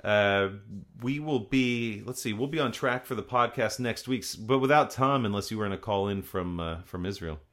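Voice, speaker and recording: A man's voice: fairly low pitch, moderate pace, few pauses, a bit bright. A man hosting a podcast in casual chat, with a joking, conversational and somewhat hesitant delivery. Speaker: podcast host.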